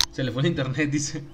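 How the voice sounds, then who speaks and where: A man's voice: mid-range voice, noisy background. A young man with a Mexican accent, a streamer joking and laughing as he reads his chat aloud. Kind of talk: casual live-stream chat.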